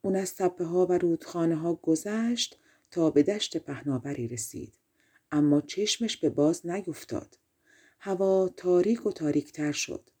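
Woman narrator, fairy-tale audiobook, calm measured reading, mellow, breathy. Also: lowish voice. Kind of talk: storybook narration.

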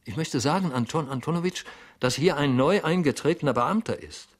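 A man's voice: fairly high pitch, animated, fairly quick, voice pushed up. A man voicing a timid middle-aged male clerk who stammers, halts and keeps repeating himself, in an audiobook reading. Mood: anxious, pleading.

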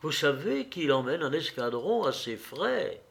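A man voicing an older society princess who speaks in a knowing, animated way in a read novel. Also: fairly high pitch, measured pace, gravelly, exaggerated voice. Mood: gossipy.

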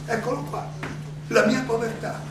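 A man playing Socrates, an aging Athenian philosopher defending himself in a theatrical monologue, halting and rhetorical, in an echoey, noisy recording made from a distance. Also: extremely high pitch, flat delivery, creaky. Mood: indignant. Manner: halting, rhetorical, addressing judges with pauses and repetitions.

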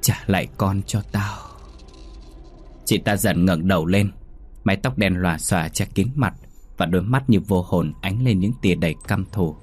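A man reading a ghost story aloud in a slow, somber, measured manner. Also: deep voice, darkish tone, slightly rough, faint music behind. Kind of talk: scripted ghost story narration.

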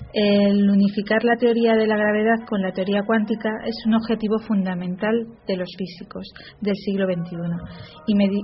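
Woman reading science news on radio. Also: medium pitch. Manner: careful reading with small slips and restarts. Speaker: news reader on a radio show. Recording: dull radio broadcast with faint music.

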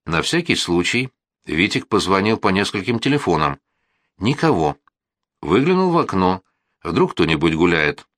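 A man narrating a children's story as an audiobook, in an expressive telling that gives voices to the characters. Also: sits low, normal speed, no echo, clean studio sound.

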